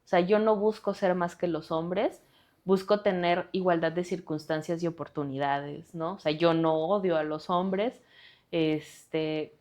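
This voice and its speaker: Her voice is lowish, fairly even, unhurried, and a little mellow. She is a lawyer and activist with a Mexican accent, earnestly and directly addressing listeners during a podcast interview.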